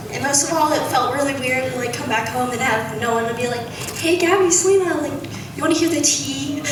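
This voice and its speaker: A young American woman giving an informal, halting, giggly wedding toast as maid of honor. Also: on the high side. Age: young adult. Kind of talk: wedding toast, personal speech. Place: large reverberant room at a wedding gathering. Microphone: distant from the recorder. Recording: echoey room from far off, clearly noisy.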